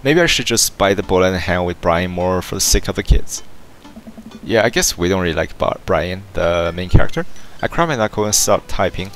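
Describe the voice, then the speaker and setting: Low-voiced man reading a game aloud. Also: expressive, brisk, soft background music. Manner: reads game text aloud with stumbles and laughs. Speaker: let's play gamer. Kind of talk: casual reading of a dating game.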